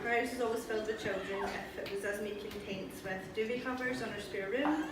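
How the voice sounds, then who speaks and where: A young woman giving an informal, anecdotal eulogy in a conversational, halting way to a gathering. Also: mid-range voice, steady tone. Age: young adult. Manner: conversational, halting, often breaking into laughter. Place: large echoey room before an audience. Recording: very echoey, distant, crowd noise.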